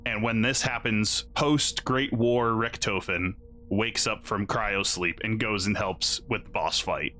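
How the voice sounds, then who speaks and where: A drunk man casually explaining game lore to friends, halting, swearing and losing his thread. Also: on the low side, bright, forceful tone, soft background music. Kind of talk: casual, rambling storytelling among friends.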